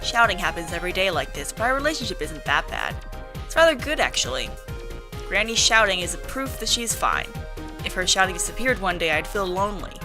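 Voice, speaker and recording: A woman's voice: medium pitch, very animated, a little fast. A woman reading first-person visual novel narration as an amateur voice-over. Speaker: narrator and reader. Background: music.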